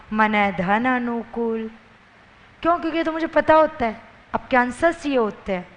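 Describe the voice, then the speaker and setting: A woman's voice: fairly high pitch, fairly bright tone. A woman teacher giving an exam-prep grammar lecture. She asks questions and answers them herself, and drawls words out syllable by syllable. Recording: long reverberant room echo.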